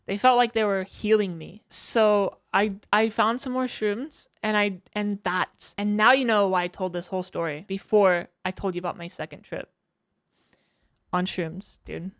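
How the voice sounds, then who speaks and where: A woman's voice: medium pitch, steady tone, normal speed, dry recording, clean studio sound. A young woman streamer telling a long personal story in casual, rambling talk, swearing and laughing often.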